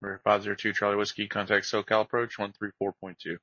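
A man's voice: lowish voice, monotone, fast, sharp tone, dry recording. A man giving clipped, procedural air traffic control instructions over radio in a flight simulation. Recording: dry, dull band-limited radio audio.

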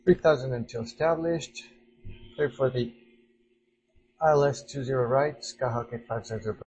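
A man's voice: mid-range voice, normal speed, darkish tone, faint music behind, poor audio. A man speaking as a pilot over a cockpit headset radio, with clipped readbacks and call signs.

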